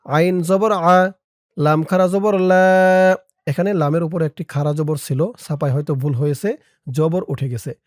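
A man with a Bangladeshi accent teaching an Arabic prayer syllable by syllable, chanting the Arabic slowly and drawn out, then explaining quickly in between. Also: a little high, fairly even intonation, no room sound, clean studio sound.

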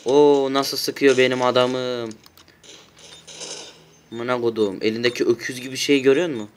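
Man, gaming commentary, shouty and excitable, mid-pitched voice, faint hiss and clicks behind. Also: moderate pace. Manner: shouty, excitable, swears a lot. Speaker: gaming YouTuber. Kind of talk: loud gameplay commentary. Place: at home.

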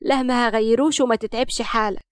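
A woman voicing a sharp-tongued young wife with an Upper Egyptian accent, cutting and irritated. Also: on the high side, fairly even intonation, quick pace, clean tone, no room sound, clean studio sound, lightly acted. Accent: Upper Egyptian Arabic.

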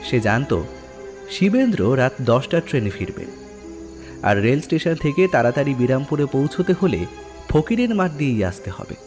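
At a moderate pace, a man tells a horror story in a dramatic, scripted style, his pitch swinging lively over faint background music.

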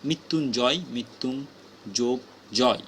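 Slow man reading a grammar list. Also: medium pitch, fairly bright tone, a little hiss or hum. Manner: slow, measured drilling of word pairs. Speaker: teacher.

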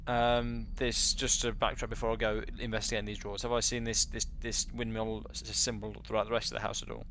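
A man's voice: fairly low pitch, little pitch movement, a little fast, sharp tone, slight background noise. A man playing a tabletop game, asking the game master questions and backtracking mid-sentence. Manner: inquisitive, asks questions, backtracks. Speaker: player. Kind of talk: casual tabletop play.

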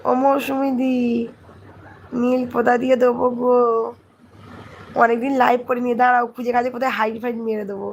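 A hoarse woman, chatting casually on a phone livestream and greeting viewers by name. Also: a little high, little pitch movement, brisk, pauses often, a little hiss or hum. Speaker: live streamer. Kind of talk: casual live chat reading comments.

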